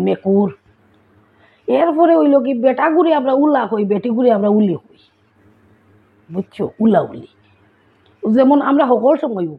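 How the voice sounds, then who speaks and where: Sylheti-accented woman vlogger, raspy, phone-line quality. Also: mid-range voice. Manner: chatty, asks listeners if they follow. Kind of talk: casual vlog chat. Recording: tinny phone-like sound.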